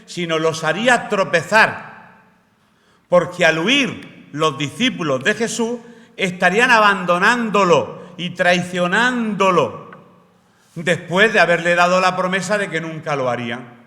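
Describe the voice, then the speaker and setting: Bright-voiced man preaching in a church. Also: high voice, lively intonation, unhurried. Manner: explanatory, asks the congregation rhetorical questions. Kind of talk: sermon. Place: church hall. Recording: roomy church hall reverb.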